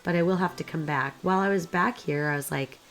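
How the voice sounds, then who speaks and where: Woman, low voice, hoarse smoker's rasp, fry-heavy, casual gameplay commentary, rambling and informal, light background music. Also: fast. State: hoarse from a recent illness. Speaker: video creator narrating game footage.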